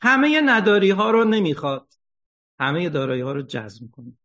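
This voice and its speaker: A man giving an ethics lecture, animated, asking rhetorical questions and joking wryly. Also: high voice. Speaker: religious lecturer. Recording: dull lo-fi recording.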